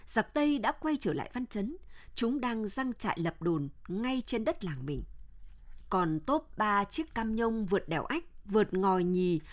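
A woman reading a war novel aloud as narrator, with measured, steady storytelling. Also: mid-range voice.

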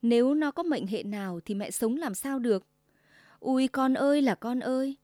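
Shrill domineering old mother-in-law, as a woman narrator puts her on. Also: normal speed, mellow, no room sound, studio quality, natural voice. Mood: wheedling. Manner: shrill, commanding, sugary then scolding.

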